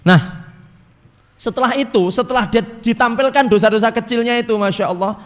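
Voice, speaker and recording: A man with an East Javanese accent preaching a sermon, lively and joking, acting out little dialogues. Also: very high voice, moderate pace. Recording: reverberant hall.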